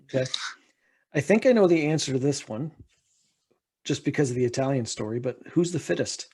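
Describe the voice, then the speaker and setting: A man hosting a podcast, asking quick casual questions and chatting along. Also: medium pitch, lively intonation, mellow, slightly rough. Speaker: podcast host.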